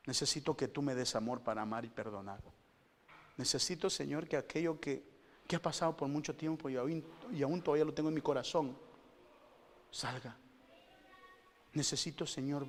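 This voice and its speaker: Preaching man in an echoing church. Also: medium pitch. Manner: lively, conversational preaching with rhetorical questions; swings from loud exclamations to hushed asides. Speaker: pastor. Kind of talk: sermon. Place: church hall. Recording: long church-hall reverb.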